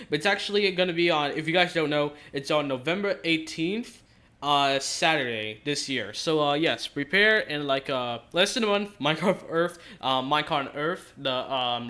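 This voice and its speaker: A man's voice: on the high side, bright, forceful tone. A man giving casual, rambling game commentary, hesitant and self-correcting, his speech slightly off from stitches in his mouth after dental surgery.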